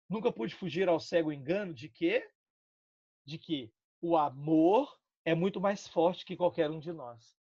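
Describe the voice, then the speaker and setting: A Brazilian man teaches a literature class with lively energy, tossing slang and quick questions at his students. His voice sits a bit high for a man. The recording is dry and slightly muffled. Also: slightly rough, no room sound. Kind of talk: recorded online lesson.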